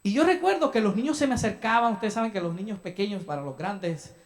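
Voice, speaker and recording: Preaching in a church sanctuary, this young Salvadoran pastor speaks quickly in a high-pitched, expressive voice. He addresses the congregation through questions and acted-out asides.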